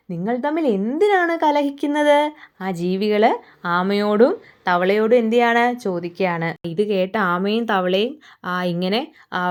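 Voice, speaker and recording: A woman's voice: mid-range voice, clean tone. A young woman teacher explaining a workbook story to small children, asking questions and answering them herself.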